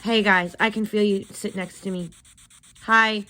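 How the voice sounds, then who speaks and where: A woman hosting a spirit box session, talking casually in a gentle, chatty, coaxing way as she asks questions. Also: mid-range voice, fairly even intonation, measured pace, low-quality recording.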